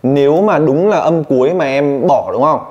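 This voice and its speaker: A man's voice: fairly high pitch, darkish tone, highs cut off, a little hiss or hum. Teasing male pronunciation teacher. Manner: teasing, drilling with rapid questions. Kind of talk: one-on-one pronunciation coaching.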